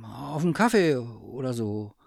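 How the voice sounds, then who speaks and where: A man voicing a chatty, boyish stuffed toy bear in a storybook reading, with a high, eager voice. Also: big pitch swings, unhurried, creaky, no echo, clean studio sound.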